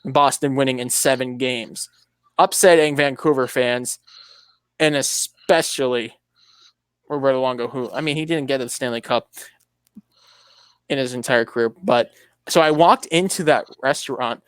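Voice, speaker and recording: A man's voice: medium pitch, normal speed, pauses often, clean tone, no room sound. A man hosting a casual motorsport podcast, talking in a rambling, anecdotal way with many restarts. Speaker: podcast host.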